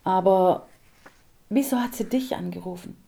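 A woman's voice: medium pitch, moderate pace, vocal fry, dark tone, lightly acted. A woman reading an audiobook, voicing a battered young man who asks wary, incredulous questions. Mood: questioning.

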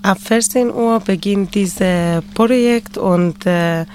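A woman's voice: mid-range voice, takes it slowly, darkish tone, slight background noise. A woman from Afghanistan speaks. She is a guest in a studio interview and answers in simple, careful German with a mid-range voice. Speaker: guest, seamstress in project.

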